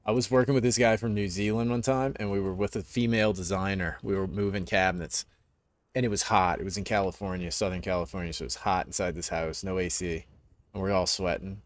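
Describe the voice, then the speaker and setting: A man's voice: sits low, fairly even intonation, quick pace, dry recording. A young man streaming a survival game, chatting casually and rambling through a funny work story with lots of "dude" and "man". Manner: laid-back, rambling, peppered with dude and man. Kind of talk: casual gaming chat and storytelling.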